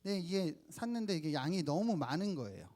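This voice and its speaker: In a church sanctuary, a pastor in his thirties delivers a sermon, sharing personal stories and putting questions to the congregation. His voice is fairly high and a little mellow, with a brisk, sing-song delivery.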